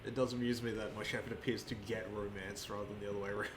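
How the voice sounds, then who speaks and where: A man's voice: on the low side, little pitch movement, rapid-fire, slight background noise. A man chatting wryly while commenting on a video game with a friend. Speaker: let's play co-commentator. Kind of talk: casual gaming commentary. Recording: echoey room with loud game music.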